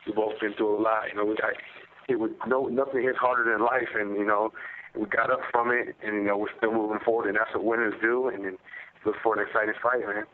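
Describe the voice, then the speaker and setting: A man's voice: lowish voice, little pitch movement, fast talker. A man, a professional fighter, chatting casually and slangily as he answers questions on a media conference call over the phone. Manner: slangy, repetitive, conversational. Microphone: telephone. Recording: narrow phone line with faint noise.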